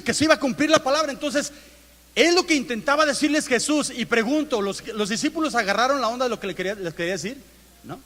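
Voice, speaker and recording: A man's voice: sits high, a bit bright. A Mexican man preaching a conversational sermon, asking his congregation questions and acting out everyday inner dialogue. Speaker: pastor. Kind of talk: interactive sermon. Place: church auditorium. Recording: long church hall reverb.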